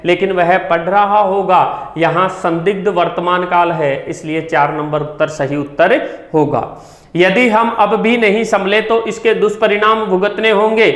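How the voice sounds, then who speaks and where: A male teacher with a high voice solves exam questions aloud. He reads each option, then asks which one is the answer. His voice rings in an echoey room. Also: fairly bright tone. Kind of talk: exam solution lesson.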